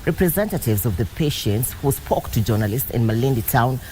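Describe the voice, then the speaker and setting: A woman's voice: a bass voice, animated, a little fast, warm tone, slight background noise, low-quality recording. A female news anchor with a Kenyan accent, presenting a broadcast bulletin.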